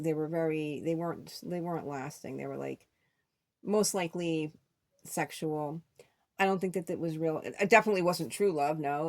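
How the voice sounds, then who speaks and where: A woman's voice: on the low side, a little mellow. A middle-aged woman telling a personal story in a rambling vlog monologue, repeating words and acting out what friends said. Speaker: vlogger.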